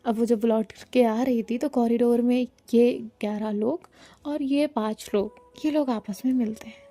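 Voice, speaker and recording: A woman's voice: fairly high pitch, fairly even intonation, unhurried, warm tone. A woman storyteller narrating a story dramatically, dropping to a whisper in tense parts.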